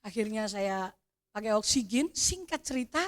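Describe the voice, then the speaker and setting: A middle-aged woman with a Javanese accent giving an animated sermon testimony, calling out to the congregation and swelling to near-shouts. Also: mid-range voice, moderate pace. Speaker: preacher.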